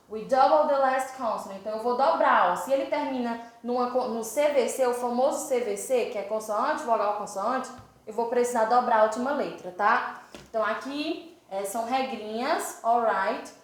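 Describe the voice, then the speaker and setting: High-voiced Brazilian woman teaching English. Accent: Brazilian Portuguese. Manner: explains step by step, reads English examples slowly. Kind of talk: online grammar lesson. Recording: very echoey room.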